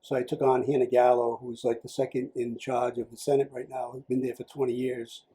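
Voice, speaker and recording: Rambling older man with a dark, husky voice. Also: medium pitch, flat delivery, a little fast, rough recording. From Rhode Island. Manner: rambling, many fillers and restarts. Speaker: political candidate guest. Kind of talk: casual interview.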